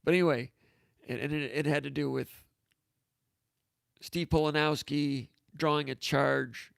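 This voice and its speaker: A man's voice: fairly high pitch, steady tone, measured pace, vocal fry, fairly bright tone, no echo. A man hosting a casual sports talk show, telling stories in a rambling, anecdotal way, with frequent restarts. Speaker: host.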